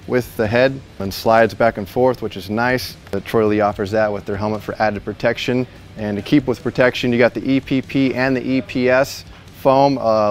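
A man's voice: medium pitch, a little hiss or hum. A man in his thirties in a warehouse, giving a chatty, jokey product walkthrough on a lapel mic and laughing at his own slips. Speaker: store product reviewer. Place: large warehouse, indoors.

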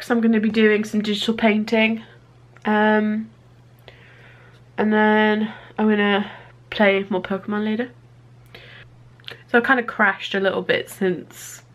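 A young woman vlogging at home into a handheld camera. Her voice sits a little high, and she chats along in an excitable way, full of fillers. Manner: chatty and excitable, with many fillers. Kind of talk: casual daily vlog. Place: at home indoors.

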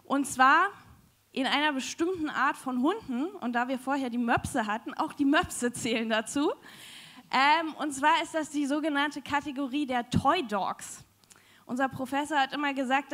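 A woman's voice: sits high, a bit bright. A young woman giving a chatty, joking science slam talk on stage into a handheld mic, with many fillers. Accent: German. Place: large dim hall with audience.

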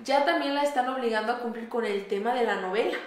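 Woman, Mexican accent, young adult, gossip co-host, chatty, fillers, fairly high, echoey studio. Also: fast talker. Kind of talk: casual gossip chat. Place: small studio on a pink sofa. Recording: roomy echo.

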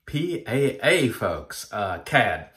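A man's voice: lowish voice, very animated, extremely slow, sharp tone. A man in his forties, host of a shaving channel, talking earnestly and casually to the camera while he lathers and shaves in a small home bathroom. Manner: chatty, earnest, addresses viewers as folks.

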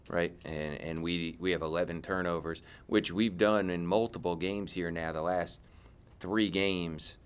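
A man's voice: sits low, fairly even intonation, a little slow, few pauses, smooth. A middle-aged man, a basketball head coach, answering reporters after a game in a blunt way, often repeating and restarting his phrases. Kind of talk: postgame press conference answers. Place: press conference room.

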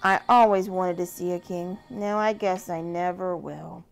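A woman voicing a small, sweet and hopeful girl mouse with a soft, earnest manner. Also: fairly low pitch, a little slow, creaky, soft background music.

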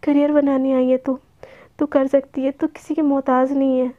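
A woman's voice: high-pitched, level tone, normal speed, close to an everyday voice. A woman voicing a defiant young woman student who talks curtly and dismissively. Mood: self-encouraging. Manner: curt, dismissive. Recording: dull lo-fi recording.

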